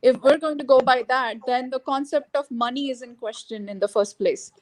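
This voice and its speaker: A woman from India speaks extremely slowly in a high-pitched voice, with an accent blending Indian and American English. As a guest in a casual discussion, she thoughtfully explains her views, mixing Hindi and English.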